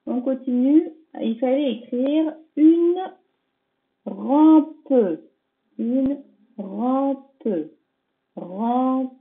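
A woman primary school teacher correcting a dictation for young pupils, patiently sounding out each word syllable by syllable and checking in with them. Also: on the high side. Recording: tinny phone-like audio.

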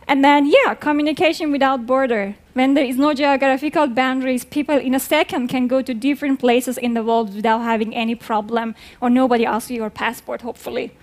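Young woman from Afghanistan, earnest live stage talk, slightly high voice, headset mic. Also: steady tone, fairly quick, hardly any pauses. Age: 20s. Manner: earnest, plain phrasing, with hand gestures. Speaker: speaker. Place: large dark theater stage.

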